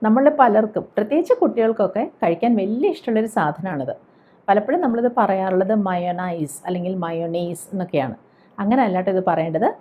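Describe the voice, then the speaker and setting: A woman from Kerala teaching English pronunciation, who repeats each example word slowly and carefully. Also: medium pitch, lo-fi sound. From Kerala, India. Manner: slow, careful repetition of example words. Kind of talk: pronunciation lesson.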